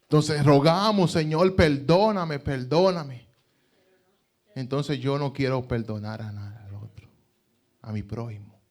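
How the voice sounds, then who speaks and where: A man's voice: mid-range voice, steady tone, moderate pace, a little mellow. A man preaching a sermon as pastor, retelling with emphasis and rhetorical questions.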